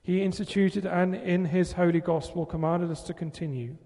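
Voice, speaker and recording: Priest, male, measured liturgical delivery; slightly raised pitch, long cathedral reverb. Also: steady tone, warm tone. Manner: measured, formal liturgical recitation. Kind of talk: leading a Eucharistic prayer. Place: large church. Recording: long reverb in a large church.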